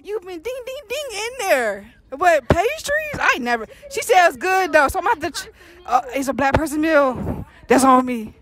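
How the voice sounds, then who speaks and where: A woman's voice: very high-pitched, sing-song, normal speed, few pauses, noisy background. A young woman asking shoppers questions in a mall, playful and joking with her guests. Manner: playful, laughs and jokes with guests. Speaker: street interviewer. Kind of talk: casual street interview.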